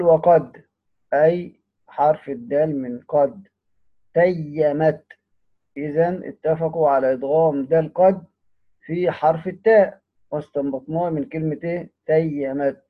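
Tinny-sounding Egyptian man teaching slowly. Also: fairly high pitch. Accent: Egyptian Arabic. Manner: explains step by step, quotes verses slowly and drawn out, asks the listener questions. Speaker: teacher of Quranic recitation. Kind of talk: recorded lesson. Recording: tinny phone-like recording.

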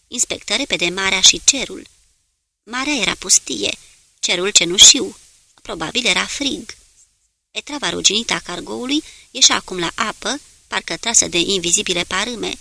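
An audiobook narrator reads a novel aloud in a steady, measured way. Her voice is medium-pitched and gravelly.

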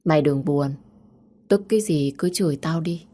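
A loyal young woman, voiced by a woman narrator consoles her friend in a low, coaxing voice. She speaks gently and keeps urging her to open up. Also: normal speed. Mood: comforting. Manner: warm, coaxing.

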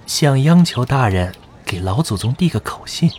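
A man voicing a fawning, sly middle-aged palace eunuch in an audio drama, with a high simpering delivery. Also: sing-song, moderate pace, a little mellow, slight background noise, natural voice. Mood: wheedling.

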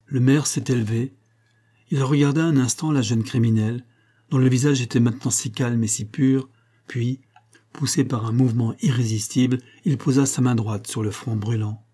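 A man reading a novel aloud as narrator, with steady, measured delivery. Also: medium pitch. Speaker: audiobook reader.

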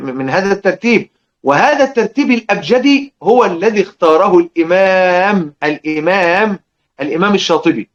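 A man's voice: on the high side, dull audio. A man with an Egyptian accent teaching a religious lesson, asking his students questions and answering them himself. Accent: Egyptian Arabic. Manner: lively, asks and answers his own questions. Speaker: Quran recitation teacher.

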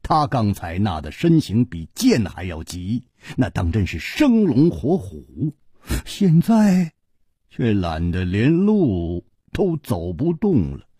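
Slow, expressive male storyteller. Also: husky, no echo, clean studio sound. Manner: dramatic, highly expressive delivery. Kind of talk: traditional storytelling narration.

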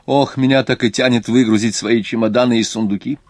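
A man's voice: medium pitch, steady tone, brisk, no room sound, voice pushed up, close to an everyday voice. A man doing a fretful Swiss watchmaker. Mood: anxious. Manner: anxious, easily offended. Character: anxious fussy Swiss watchmaker, middle-aged man.

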